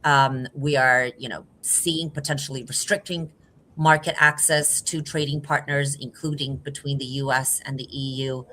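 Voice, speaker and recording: Deep-voiced woman speaking on a panel. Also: steady tone, bright, forceful tone, slight background noise. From Croatia. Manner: measured, deliberate, with frequent fillers. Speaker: business association executive. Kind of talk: panel discussion.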